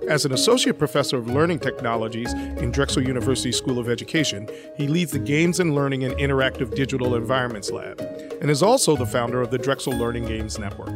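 A man hosting a podcast, reading a scripted intro and then asking friendly, measured questions. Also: medium pitch. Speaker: podcast host. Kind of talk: interview hosting.

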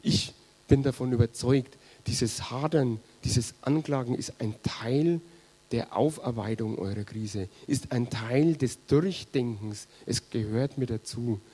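Earnest German preacher with a husky voice. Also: male voice, medium pitch, unhurried, warm tone. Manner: earnest, pastoral, addresses congregation directly. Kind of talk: sermon.

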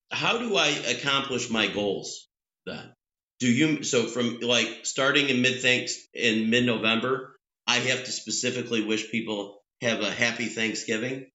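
Another male podcast co-host rambles playfully in casual conversation, cutting himself off and restarting often, recorded in a three-season back patio room at home. His mid-range voice is expressive, bright and forceful, a little slow. The audio is echoey, dull and lo-fi.

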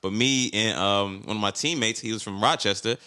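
Laid-back man, bright voice. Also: lowish voice, brisk. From Buffalo, New York. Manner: laid-back, full of fillers like "you know what I mean". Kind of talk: casual chat.

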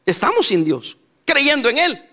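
Salvadoran pastor, man, very high voice, emphatic church sermon with bursts of laughter. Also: big pitch swings, unhurried. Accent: Salvadoran Spanish. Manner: emphatic preaching, mixes laughter and sudden loud outbursts.

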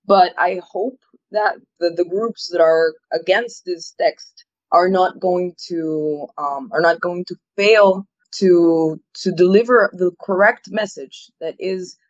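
A woman's voice: on the low side, slow pace, no echo. Earnest woman. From Ecuador. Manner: earnest, opinionated, restarts her phrases often. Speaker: political campaigner guest. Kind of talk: interview answers. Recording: dull, dry audio.

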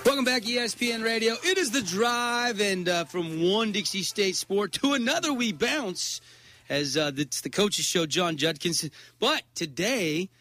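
A man hosting a sports radio show in a studio, chatty and lively, often stumbling and repeating words as he interviews guests. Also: high-pitched, measured pace.

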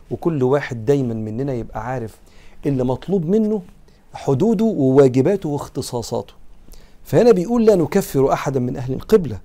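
A man's voice: medium pitch, warm tone. A man with an Egyptian Arabic accent giving a religious lesson, moving between quoted classical text and earnest, conversational explanation. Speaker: preacher teaching a creed text.

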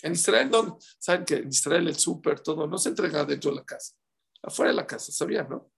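A middle-aged man preaching through a story, turning to his listeners with questions. His voice is husky and gravelly, sitting slightly high, and he animates each scene as he tells it. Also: a little fast. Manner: animated storytelling, acts out voices, direct address to audience. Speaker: religious speaker. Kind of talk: storytelling sermon.

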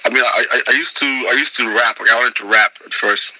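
A man's voice: mid-range voice, quick pace, very noisy. A young man from Zimbabwe, a music producer, talking casually as an interview guest with lots of restarts and fillers. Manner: relaxed, rambling with many restarts.

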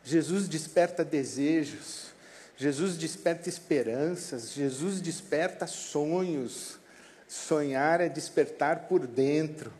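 A man's voice: a little high, takes it slowly. A male pastor preaching a passionate sermon and leading the congregation in prayer. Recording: echoey hall with loud guitar music behind. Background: guitar music.

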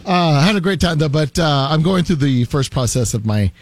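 A man co-hosting sports talk radio with a fairly high voice that swings up and down a lot. He tells joking stories in a casual, animated way. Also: fairly quick, dry recording.

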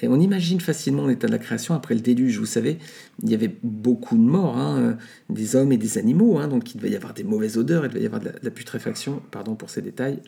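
A man with a gravelly, mellow voice hosts a Bible podcast. He reads scripture aloud and then explains it in an unhurried teaching manner. He often pauses on fillers and adds small asides. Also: medium pitch. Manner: unhurried, many hesitations and asides. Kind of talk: scripture reading and commentary.

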